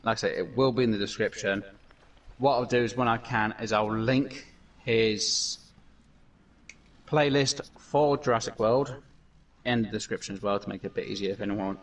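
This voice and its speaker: Low-voiced man, rambling game talk. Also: steady tone, normal speed, recorded from a distance. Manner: rambling, with many fillers and restarts. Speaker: gaming channel host. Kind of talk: casual gameplay commentary.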